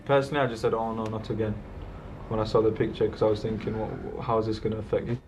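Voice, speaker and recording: A man in his twenties with a Hull accent, giving casual interview answers in rapid, hesitant bursts. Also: lowish voice, steady tone, over music. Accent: Hull English. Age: 20s.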